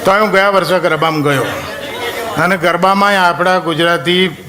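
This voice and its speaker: A man performing stand-up comedy on stage, telling stories and breaking into slow, drawn-out film songs in mock voices. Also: high-pitched, steady tone, over a noisy crowd, heavy background noise. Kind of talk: Gujarati stand-up storytelling. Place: live stage show.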